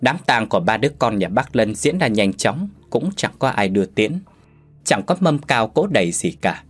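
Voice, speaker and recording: A man narrating a first-person story as a storyteller in scripted narration, with lively, expressive delivery. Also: on the low side, normal speed, soft background music.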